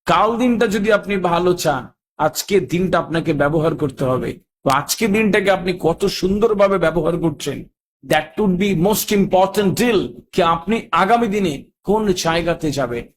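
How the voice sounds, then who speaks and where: High-voiced motivational speaker man. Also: lively intonation, normal speed. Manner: rhetorical, keeps asking "right?"; mixes English phrases into his talk. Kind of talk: motivational speech.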